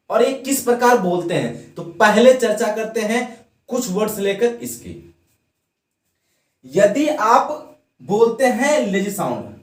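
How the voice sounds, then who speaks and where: A man's voice: sits high, echoey room, far from the mic. A man teaching English grammar in a classroom lesson. He puts questions to the students, answers them himself, and has them repeat words after him.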